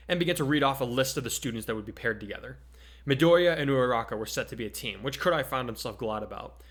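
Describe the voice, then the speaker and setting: This podcast host has a mid-range, fairly bright voice and keeps things informal. Between casual chat, he reads his own stories aloud dramatically.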